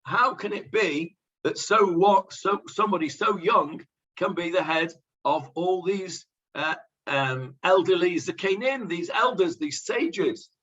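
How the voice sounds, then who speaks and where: A man's voice: high voice, a little slow, fairly bright tone, breathy edge, recorded from a distance, dull audio, heavily acted. A man voicing a worried young wife who pleads and nags her husband. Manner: anxious, scolding.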